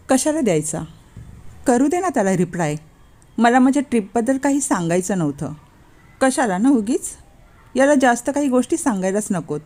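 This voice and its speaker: A woman's voice: mid-range voice, dark tone. A woman narrating a first-person story, lightly acting out the quoted lines.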